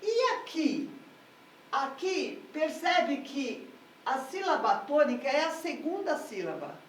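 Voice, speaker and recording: A woman's voice: high-pitched, very animated, slow, slight background noise. A woman music teacher explaining harmony in a patient, step-by-step lesson. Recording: echoey room, mic at a distance.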